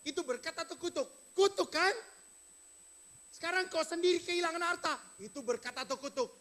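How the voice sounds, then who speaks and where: A loud, hectoring scold, as a male preacher puts him on, this self-righteous friend of Job fires rhetorical questions one after another. His voice rides very high and bright, near shouting. He is sermon play-acting, not a drama cast. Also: brisk.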